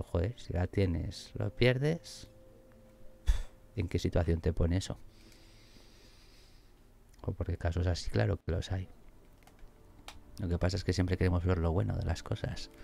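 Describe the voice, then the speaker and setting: Gravelly man playing a game. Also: deep voice, a little hiss or hum. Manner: excitable, swears and exclaims often. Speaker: gaming streamer. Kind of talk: let's play commentary.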